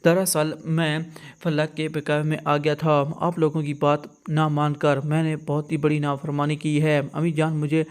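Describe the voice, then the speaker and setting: A man voicing a young husband in a retold drama, speaking in his own flat, even voice. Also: fairly high pitch, smooth, natural voice. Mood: pleading. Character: young husband, remorseful and angry.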